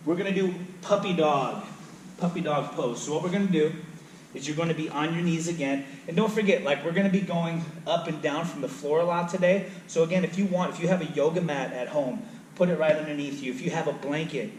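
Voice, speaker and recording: A man leads a home workout lesson, talking through each exercise and counting reps while he demonstrates. His voice sits a little high for a man. He is recorded from a distance in a roomy gym with faint background noise. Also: fairly quick, a little mellow. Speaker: fitness trainer. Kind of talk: instructional workout video. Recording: echoey room, voice from off-mic.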